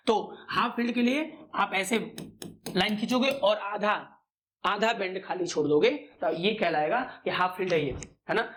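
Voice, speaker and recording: A man teaching a physics lesson, asking quick questions and answering them himself, repeating key terms and adding chatty asides. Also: high voice. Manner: chatty asides, calls students "brother". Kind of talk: classroom-style lecture.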